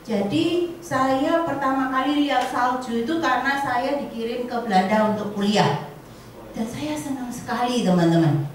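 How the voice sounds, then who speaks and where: Speaking at normal speed in a high voice, a middle-aged woman in insurance sales motivates her coworkers in a chatty way, treating them like friends and laughing a lot. A camera or phone set far away captures her in an echoey room, with a little background noise.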